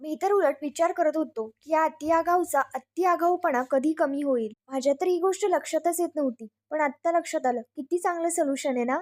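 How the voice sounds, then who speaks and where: A woman's voice: high-pitched, a little fast, hardly any pauses, close to an everyday voice. A woman voicing a playful, smug young husband who mockingly needles his wife. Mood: teasing.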